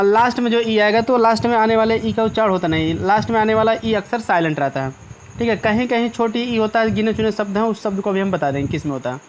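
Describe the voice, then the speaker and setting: A male English teacher slowly explaining pronunciation rules, spelling words out letter by letter. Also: high-pitched, slight background noise, low-quality recording. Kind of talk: explanatory lesson.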